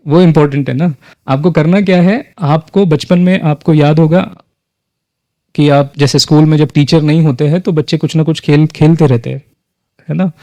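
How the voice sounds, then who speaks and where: A man's voice: on the high side, measured pace, long pauses, warm tone, no room sound. A man facilitating a live workshop, leading a group exercise and often asking the audience questions. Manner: engages the audience with frequent questions, mixes in English phrases.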